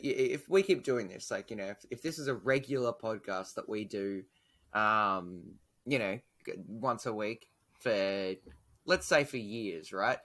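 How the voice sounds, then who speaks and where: A young man co-hosts a casual podcast, teasing his friend and rambling with fillers and restarts. His voice is mid-range with a fairly bright tone.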